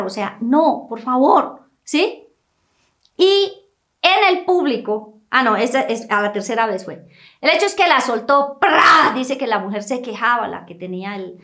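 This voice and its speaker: Woman preacher, high voice, animated sermon storytelling, checks in with listeners. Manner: animated storytelling, rising to near-shouts when quoting; addresses listeners directly with frequent "¿sí?".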